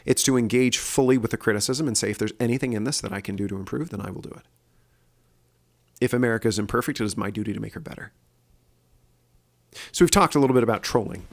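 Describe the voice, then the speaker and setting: Earnest low gravelly man, podcast host. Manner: earnest, thinking aloud with fillers and restarts. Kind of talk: solo podcast commentary.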